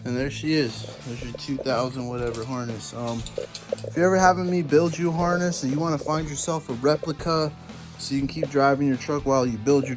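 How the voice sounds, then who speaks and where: A man giving a casual, slangy how-to walkthrough while working on a truck, talking to his viewers like buddies. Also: mid-range voice. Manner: laid-back and slangy, calls viewers "boys". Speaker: DIY truck repair vlogger. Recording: clear guitar music under voice.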